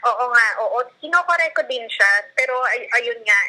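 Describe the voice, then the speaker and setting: Woman, 30s, from the Philippines, former tutor; very bright, slightly high voice; hesitant, filler-heavy casual talk. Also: lively intonation, moderate pace, poor audio. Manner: hesitant, searching for words, frequent fillers, laughing. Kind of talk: casual conversation.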